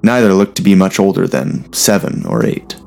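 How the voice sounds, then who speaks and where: A man narrating a story in a steady, measured reading voice. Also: low voice, creaky.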